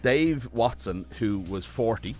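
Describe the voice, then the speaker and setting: A man's voice: mid-range voice, animated, takes it slowly, darkish tone. A man in a radio studio chatting casually as a sports news guest, rambling with fillers.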